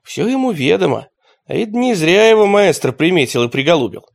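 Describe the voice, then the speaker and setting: A pompous poet holds forth in flowery phrases, as a man puts him on. His voice rises and falls with lively swings, in a storybook reading. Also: sits high, a little fast, vocal fry, voice pushed up, exaggerated voice.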